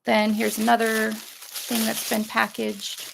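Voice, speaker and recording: A middle-aged woman with a creaky voice, chatting casually through an unboxing in a rambling, hesitant way. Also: a little high, completely flat delivery, takes it slowly, noisy background. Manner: rambling, hesitant, trailing off and circling back. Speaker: vlogger showing a shopping haul.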